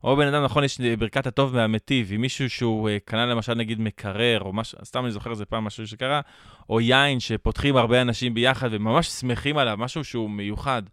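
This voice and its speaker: Clear-voiced man with an Israeli accent. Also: mid-range voice, fairly even intonation, fairly bright tone, no room sound, clean studio sound. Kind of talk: casual conversation.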